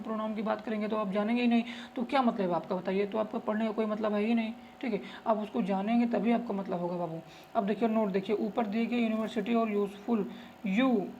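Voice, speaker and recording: A man's voice: sits high, darkish tone, lo-fi sound, a little hiss or hum. A man teaching an English grammar lesson, repeating his points and coaxing his students along with fond asides. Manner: repetitive, coaxing, keeps saying "look" and "okay"; calls students "babu" affectionately. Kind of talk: tutorial lesson.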